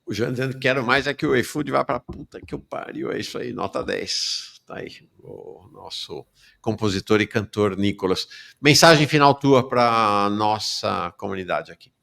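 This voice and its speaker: A man's voice: on the low side, normal speed, vocal fry, fairly bright tone. A male host of a live interview show, upbeat and emphatic.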